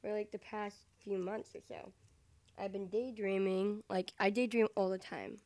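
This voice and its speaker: A woman's voice: mid-range voice, fairly even intonation, unhurried, darkish tone, no echo. A woman vlogging casually into a microphone, goofy and rambling with frequent self-interrupting asides. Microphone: desk microphone.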